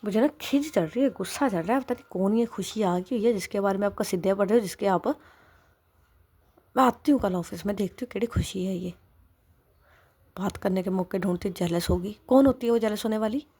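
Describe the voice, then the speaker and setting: A woman's voice: medium pitch, brisk, warm tone, husky. A woman voicing a jealous, fiery young wife who talks in a raised, indignant voice.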